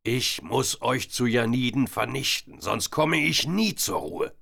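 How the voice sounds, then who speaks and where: A man voicing a strongly built, deranged old man who speaks slowly and conspiratorially. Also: mid-range voice, big pitch swings, gravelly, sharp tone, husky, voice pushed up, full character voice. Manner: slow, intense, conspiratorial.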